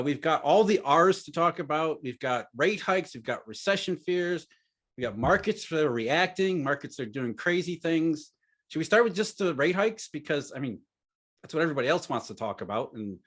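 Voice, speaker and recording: A man hosting a casual financial podcast, making dry, sarcastic jokes and asides. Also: on the high side. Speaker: podcast host.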